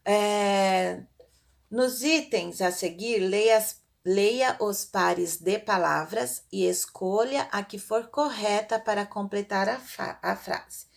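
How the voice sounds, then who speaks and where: Slow, gravelly-voiced woman teacher. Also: mid-range voice. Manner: slow, patient, stretches out example words. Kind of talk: recorded class lesson.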